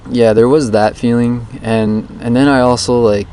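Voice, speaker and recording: Outdoors beneath a bridge, a vlogger talks casually into a handheld recorder, rambling introspectively for his daily challenge diary. His medium-pitched voice is warm and steady, at a normal speed. The recording has background noise.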